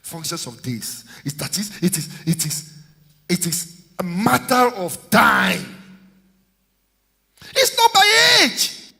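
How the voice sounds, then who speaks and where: A man in his fifties, a senior pastor preaching a sermon with shouted call-and-response to his congregation. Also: high-pitched, big pitch swings, a little slow, creaky, husky. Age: 50s. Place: church hall. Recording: echoey church hall reverb.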